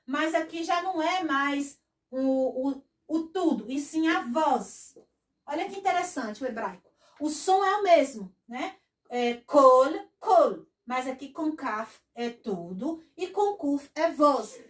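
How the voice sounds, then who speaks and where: A high-pitched woman teaches a lesson at a whiteboard. She speaks patiently, repeating each word slowly and often adding a short blessing. Her voice comes from some distance away in an echoey room. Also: animated. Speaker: Hebrew teacher.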